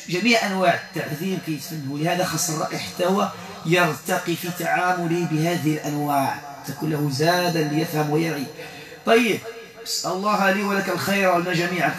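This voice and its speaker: High-voiced Moroccan man leading a healing session. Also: reverberant, distant mic. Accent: Moroccan Arabic. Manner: coaxing, repeats short questions and prayers. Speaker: Quran healer.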